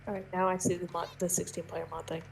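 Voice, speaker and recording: A woman's voice: lowish voice, flat delivery, fast, background noise. A woman chatting casually as a player in an online game voice chat.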